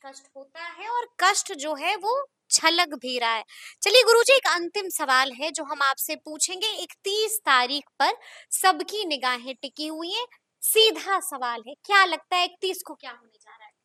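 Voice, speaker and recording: A woman's voice: very high voice, lively intonation, a little slow, bright, forceful tone, no echo, studio quality. A woman reporter asking probing, coaxing questions in a news interview.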